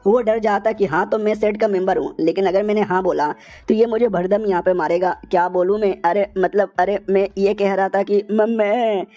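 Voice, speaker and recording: A woman's voice: mid-range voice, fairly even intonation, normal speed, mellow, lightly acted. A woman voicing a timid young male henchman who stammers out of fear. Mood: panicky. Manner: stammering, fearful.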